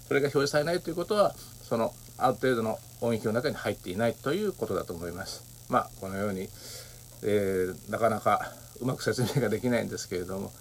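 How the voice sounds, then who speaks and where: A man hosting a solo audio talk, speaking politely and thoughtfully with many pauses and fillers. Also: on the low side, slight background noise. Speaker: podcast host.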